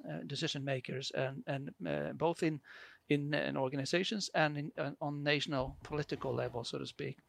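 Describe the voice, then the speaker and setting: A Swedish man with a Swedish accent, appearing as a guest, explains his work conversationally but hesitantly, with lots of fillers and restarts. His voice sits fairly high, with vocal fry and a slightly bright quality. The recording is dry.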